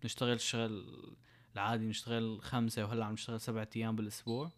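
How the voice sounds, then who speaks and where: A man's voice: fairly low pitch, little pitch movement, rapid-fire. A young man with a Syrian Arabic accent chatting casually, explaining his points through everyday examples and rhetorical questions. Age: young adult. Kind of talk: casual chat.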